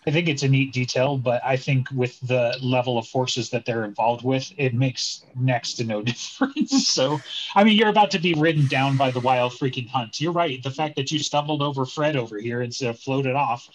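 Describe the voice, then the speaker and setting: A man with an average-pitched voice co-hosts a chat show. He comments casually and jokingly, in the loose style of banter between friends. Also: normal speed, a little hiss or hum, poor audio. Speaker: podcast co-host.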